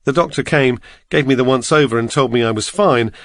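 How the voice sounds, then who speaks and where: A man narrates an audiobook in the first person with a steady, measured delivery. His voice sits in a middle range. The recording is close and dry. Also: medium pitch, dry recording.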